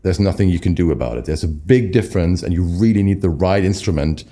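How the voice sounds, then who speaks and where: A man with a hoarse, strained, nearly lost voice, hosting an interview in an upbeat presenter style. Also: sits low, fast, mellow. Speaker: host.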